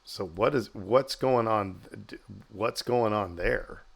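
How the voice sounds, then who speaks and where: A man co-hosting a podcast in casual chat, animated and speculative, talking in bursts. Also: lowish voice, takes it slowly. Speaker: podcast co-host.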